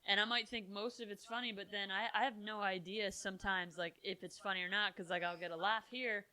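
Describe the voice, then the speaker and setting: A woman's voice: mid-range voice, fairly even intonation, brisk, sharp tone. A woman co-hosting a casual comedy podcast, chiming in with short supportive remarks. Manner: brief supportive interjections. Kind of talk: casual chat.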